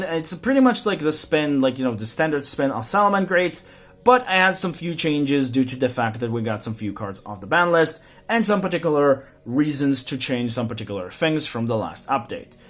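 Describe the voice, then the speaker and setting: Chatty young man, slightly high voice. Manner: rambling, with frequent "like" and "uh" fillers; jumps in pitch and loudness at phrase starts. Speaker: card game content creator. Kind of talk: casual explanatory walkthrough.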